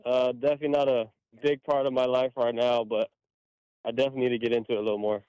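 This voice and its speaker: A man from Hawaii, a football player calling in to a radio show, talking in a relaxed, easygoing way with some hesitation. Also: mid-range voice, racing, clear, resonant tone, no room sound, dull audio. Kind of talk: phone interview. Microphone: phone line.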